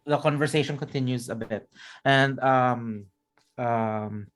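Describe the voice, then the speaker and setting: Halting, informal male game master. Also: medium pitch, fairly bright tone. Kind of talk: casual tabletop game narration. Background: faint music.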